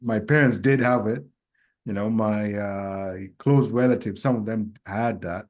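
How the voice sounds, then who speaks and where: Co-hosting a relaxed podcast, this fairly low-pitched man who grew up in Kenya talks thoughtfully but haltingly, his speech filled with pauses and filler words.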